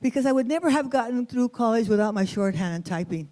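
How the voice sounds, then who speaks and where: A woman storyteller from East Los Angeles, speaking with that area's accent, tells a personal story expressively, weaving in Spanish words and translating them. Her voice is fairly high and dark-toned, fast, with lively intonation.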